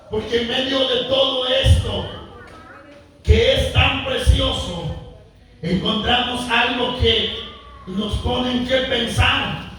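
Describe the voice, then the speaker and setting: A man delivers a sermon in a very high voice, stretching his phrases slowly and climbing to shouts for emphasis. He is picked up from a distance in a church hall with heavy echo and a faint noise underneath. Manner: impassioned, rising to shouts, drawn-out emphatic phrases. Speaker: preacher. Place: church sanctuary.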